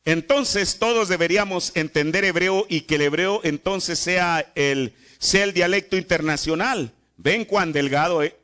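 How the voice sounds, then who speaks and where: A man's voice: high voice, a little slow, few pauses, fairly bright tone, clear, resonant tone. A man preaching a sermon in a church, repeating phrases and asking the congregation rhetorical questions. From Mexico. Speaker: pastor.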